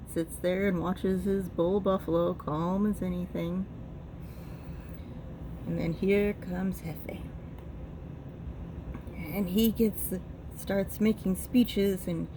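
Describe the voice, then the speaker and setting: A woman spins a family tale in an easygoing, rambling storyteller's voice, linking each event to the next with a steady run of "and"s. Her pitch sits in an ordinary middle range. A faint hiss of background noise runs under the recording. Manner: relaxed, rambling storytelling with repeated "and"s.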